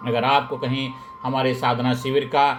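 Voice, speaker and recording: A man's voice: medium pitch, level tone, moderate pace. A man giving a rousing motivational speech, repeating slogans in a chanting rhythm. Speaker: motivational speaker. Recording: faint background music.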